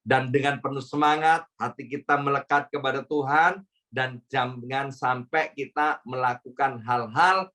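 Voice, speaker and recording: A man's voice: mid-range voice, steady tone, a little slow, bright, forceful tone. A male pastor giving a church sermon in a chatty, conversational way, often addressing the congregation directly and adding tag questions.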